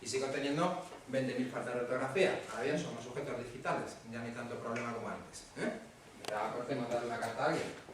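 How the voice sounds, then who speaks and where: A man's voice: mid-range voice, quick pace. Man lecturing from far off in a very echoey hall. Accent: Spanish from Spain. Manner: conversational, checks in with the audience often. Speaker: speaker at a talk for parents. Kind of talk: lecture to an audience. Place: hall at a parents' association talk. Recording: very echoey room, mic far off, faint noise.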